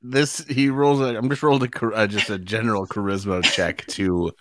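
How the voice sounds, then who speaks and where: A man's voice: on the low side, steady tone, normal speed, a bit bright, a little hiss or hum. A man playing in a tabletop game, talking in a stammering, goofy way. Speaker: player.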